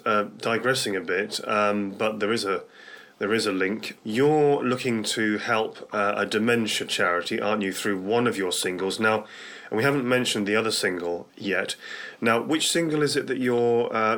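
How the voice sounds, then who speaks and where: A man's voice: on the low side, normal speed, a bit bright. A man with a British accent hosting a talk radio interview, speaking conversationally in a hesitant, rambling way with repeated words.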